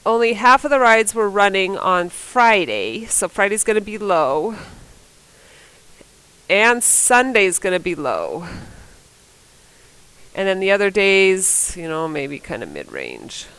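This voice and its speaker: A woman's voice: medium pitch, big pitch swings, slow, pauses often, a bit bright, smooth, dry recording, rough recording. A woman teacher with a cold, working through math problems on a board in a casual, think-aloud way and correcting herself as she goes. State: fighting a cold. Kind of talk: recorded classroom lesson, working problems on a board.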